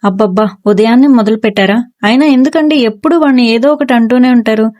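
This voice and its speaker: A woman's voice: a little high, fast talker, a little mellow, lightly acted. A woman voicing a middle-aged mother who chides her husband and bustles off to her chores, in a storybook reading. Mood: chiding.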